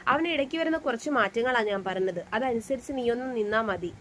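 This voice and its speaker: A woman's voice: fairly high pitch, fairly quick, slight background noise, close to an everyday voice. A woman voicing a young man who acts as a protective elder-brother confidant, speaking earnestly and reassuringly in a storybook reading. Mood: confiding.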